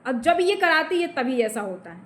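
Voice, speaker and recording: A woman's voice: high-pitched, very animated, normal speed, fairly bright tone, slight background noise. A woman vlogger with a Bhojpuri accent speaks straight to the camera, heated and confrontational, addressing an absent man and pressing her points with repeated tag questions. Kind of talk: direct-to-camera vent.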